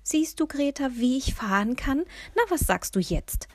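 A woman's voice: expressive, moderate pace, dry recording. A woman doing a chirpy fussy old lady. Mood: cheerful. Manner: chirpy, exclaiming, higher than the narration. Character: cheerful fussy old woman of 79, a nervous driver.

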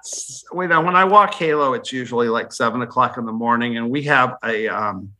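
A man's voice: medium pitch, a little fast, sharp tone. A man talking as a skincare specialist guest in a casual panel chat, rambling and restarting his sentences. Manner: rambling, self-correcting, chatty.

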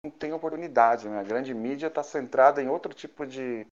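Casual male talker, São Paulo Brazilian Portuguese accent, mid-pitched, enthusiastic and slangy, on slightly dull lo-fi audio. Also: a little fast. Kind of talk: casual chat.

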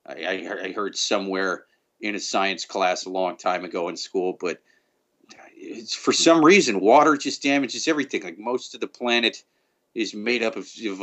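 A man's voice: fairly low pitch, fairly bright tone. A man chatting casually as a podcast co-host, blunt and freely swearing. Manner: profane, blunt. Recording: slightly dull, lo-fi audio.

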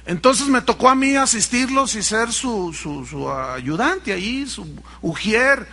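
A man with a Mexican Spanish accent preaching a sermon as pastor, animated and mocking as he mimics other people. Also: sits high, a little slow, breathy edge.

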